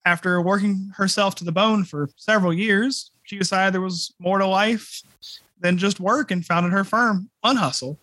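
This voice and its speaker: A man's voice: high-pitched, fairly even intonation, normal speed, pushed and bright, no room sound. A man hosting a podcast, reading a scripted introduction and then asking questions with hesitant "you know" fillers. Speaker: podcast host. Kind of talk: podcast interview.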